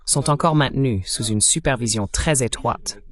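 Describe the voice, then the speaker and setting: A man's voice: medium pitch, moderate pace. A man speaks in a normal mid-range voice as the host of an interview. He talks to his guest in a conversational tone and adds short side remarks as he goes.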